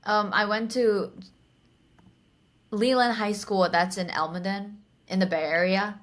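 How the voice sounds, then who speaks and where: A Taiwanese woman in her twenties, a DJ and producer appearing as a guest, answers interview questions in a chatty, casual manner packed with fillers. Her voice is mid-range and steady, and she speaks at a measured pace.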